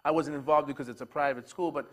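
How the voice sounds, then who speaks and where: A man's voice: fairly high pitch, fairly even intonation, quick pace. A man hosting a local TV arts show, chatting casually and joking with a guest. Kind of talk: casual interview chat.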